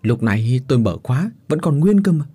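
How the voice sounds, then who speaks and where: A man's voice: medium pitch, very animated, fairly quick, dark tone, slightly rough, voice pushed up. A man voicing an anxious middle-aged country wife who stammers and pleads. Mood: insistent.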